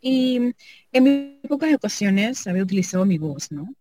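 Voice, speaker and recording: A sound artist who plays double bass talks casually and reflectively about her work, thinking aloud and often tacking on tag questions. Her intonation is lively, her tone dark, her speed normal, with faint music in the background.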